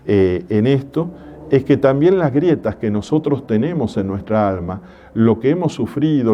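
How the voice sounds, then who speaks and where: A man, a parish priest giving a religious conference talk in a gentle, measured preaching manner with homely stories. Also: medium pitch, muffled recording.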